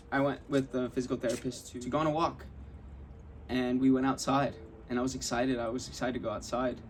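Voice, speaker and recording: A young man hosting a podcast, telling a personal story in a candid, rambling way with many restarts and acted-out quotes. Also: mid-range voice. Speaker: podcast host. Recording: voice slightly off-mic with faint ambient noise.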